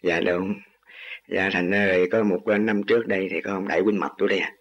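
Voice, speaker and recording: A man's voice: sits low, fairly even intonation, fast. An older man speaking humbly and formally, with self-deprecating jokes. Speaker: husband of a student. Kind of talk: formal respectful speech. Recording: dull lo-fi recording.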